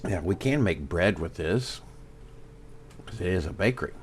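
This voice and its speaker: A man with a Southern US accent giving casual gameplay commentary, thinking aloud with fillers and pauses. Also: low voice, expressive, slight background noise. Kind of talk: casual let's-play commentary.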